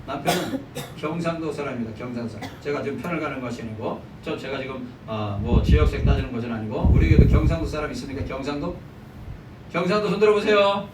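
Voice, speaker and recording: A man preaching a Sunday sermon as pastor, lively and joking with his congregation. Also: medium pitch, quick pace. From South Korea. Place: church sanctuary. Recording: echoey church hall, mic from a distance, noisy.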